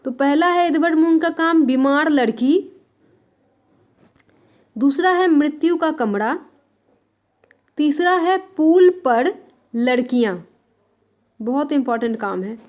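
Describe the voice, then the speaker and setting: A woman teaching art for exam prep, writing on a board and repeating terms slowly for students to note down. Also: high-pitched, darkish tone. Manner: writes on a board while dictating.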